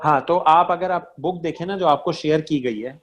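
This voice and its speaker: A man's voice: a little high, a bit bright. A man teaching an online Arabic recitation class, patiently drilling letter sounds over and over and often checking that his students follow. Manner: patient, drills sounds by repeating them, keeps checking understanding.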